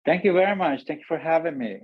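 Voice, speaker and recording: A man from Turkey, a guest speaking softly and haltingly, with small grammar slips. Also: a little high, animated, husky, dry recording. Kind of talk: casual interview talk. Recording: tinny phone-like line, dry.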